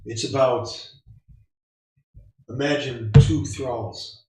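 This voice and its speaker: A man narrating a tabletop game as game master, in halting, dramatic short phrases. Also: medium pitch, fairly even intonation, mellow. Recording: very echoey room, faint music.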